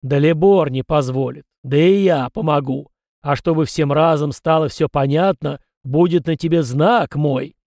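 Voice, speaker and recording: A man voicing an ancient male ancestor spirit, a disembodied voice that speaks in slow, weighty pronouncements. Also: a little high, a little mellow, no room sound, clean studio sound. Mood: solemn.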